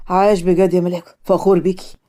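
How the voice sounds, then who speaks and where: A woman voicing a caring middle-aged father who speaks calmly and affectionately with an Egyptian accent in a cartoon story. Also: on the low side, quick pace, pitched below the performer's own voice, natural voice.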